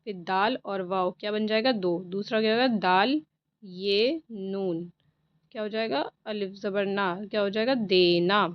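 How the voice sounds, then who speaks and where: A woman's voice: medium pitch, unhurried, no room sound. Patient woman teacher, dull dry sound. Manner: patient, asks and answers own questions. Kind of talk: exam paper walkthrough lesson.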